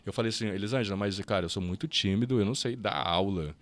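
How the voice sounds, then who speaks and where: A Brazilian man telling his story as a podcast guest, lively and quick, with fast restarts and acted-out bits of dialogue. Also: fairly low pitch, dry recording. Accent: Brazilian Portuguese. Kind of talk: casual storytelling interview.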